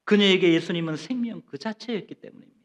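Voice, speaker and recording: A man's voice: high-pitched, fast talker, highs cut off. A middle-aged Korean man preaching a sermon, emphatic, often putting questions to the congregation and acting out quoted voices. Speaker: pastor.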